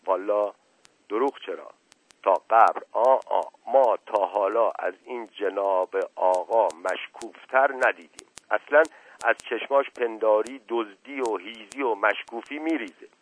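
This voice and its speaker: A man voicing a hot-headed loyal middle-aged male servant who shouts in rustic speech. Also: fairly low pitch, lightly acted. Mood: grumbling. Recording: tinny phone-like radio sound.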